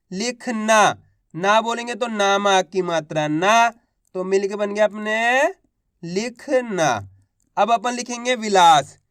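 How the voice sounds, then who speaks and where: A man teaching children to spell, sounding out each syllable slowly, asking questions and answering them himself, and calling viewers friends. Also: high-pitched, a bit bright, dry recording, clean studio sound. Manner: drawn-out syllables, asks then answers himself; patient, repetitive, addresses viewers as friends. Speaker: Hindi writing teacher. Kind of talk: step-by-step spelling lesson.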